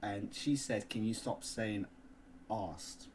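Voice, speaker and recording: A man's voice: mid-range voice, moderate pace, slight background noise. A man from London with a Cockney accent, co-hosting a casual podcast chat and joking and laughing often. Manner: jokey, laughs often, lively storytelling. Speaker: podcast co-host.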